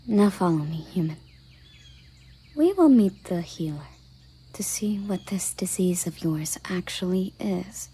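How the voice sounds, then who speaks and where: Brisk and inquiring, a woman plays a commanding, proud elven guard captain in a scripted audio drama roleplay. Her slightly rough mid-range voice stays soft, often dropping to a half-whisper, and her phrasing is formal and deliberate.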